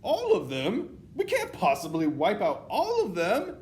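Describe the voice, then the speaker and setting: Casting: man as timid, terrified witch minion, squeaky-high and begging, for a children's storybook read, faint noise behind. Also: huge pitch swings, a little slow, a little mellow, heavily acted. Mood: dismayed. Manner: stammering, begging. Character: wretched, terrified, pleading female underling witch.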